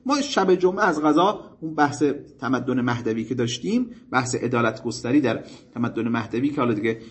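A man giving a religious lecture to seminary students, telling stories in a formal, animated way with polite asides to his listeners. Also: medium pitch, husky.

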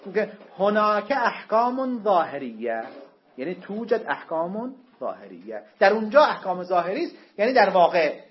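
Animated man lecturing a seminary class. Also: sits high, hardly any pauses, a little hiss or hum. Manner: animated, emphatic, joking asides to students. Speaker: seminary teacher. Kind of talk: classroom lecture on Islamic jurisprudence. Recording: dull lo-fi classroom recording.

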